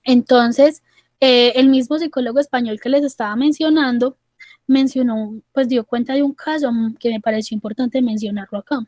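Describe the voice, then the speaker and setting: A woman's voice: a little high, fairly even intonation, moderate pace, darkish tone, dry recording. A woman tutor giving a conversational lecture, often checking in with her listeners through tag questions. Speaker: university tutor. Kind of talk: online lecture.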